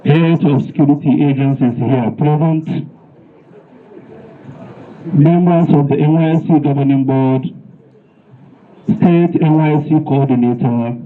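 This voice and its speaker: A man's voice: medium pitch, narrow, tinny audio. A man with a Nigerian accent making a formal welcome speech as master of ceremonies.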